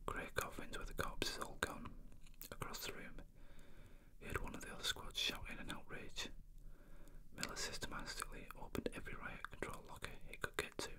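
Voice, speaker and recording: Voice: moderate pace, sharp tone. A person reading a novel aloud in an unvoiced whisper, as ASMR narration. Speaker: reader.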